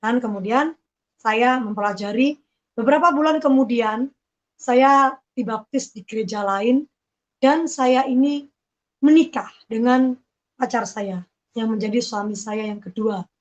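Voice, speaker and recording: A woman telling her personal faith testimony, slowly and emotionally, with many halting restarts. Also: on the high side, muffled recording. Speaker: testimony speaker.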